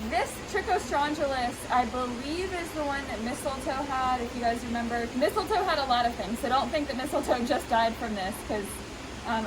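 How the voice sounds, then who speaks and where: A woman explaining animal treatment casually and informally, her voice slightly muffled by a face mask. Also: a little high. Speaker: veterinary professional treating goats. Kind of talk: casual explanatory talk to camera. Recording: noisy, steady rushing background hiss.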